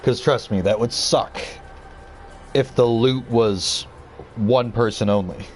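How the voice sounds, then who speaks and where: A man's voice: medium pitch, slow pace, faint music behind. Chatty male gaming streamer. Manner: chatty, talks to viewers while playing. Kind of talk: casual live-stream chat.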